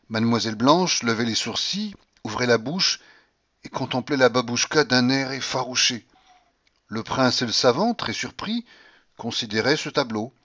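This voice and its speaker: A man narrating a classic novel as an audiobook, in a measured, expressive reading. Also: medium pitch, muffled recording. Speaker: audiobook reader.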